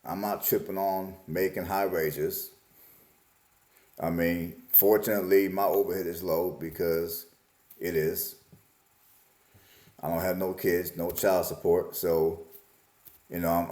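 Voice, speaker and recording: A man in his forties from Alabama muses aloud about his life in a casual, plain-spoken vlog. His deep, mellow voice stays steady and unhurried, with frequent pauses, and the room has an echo.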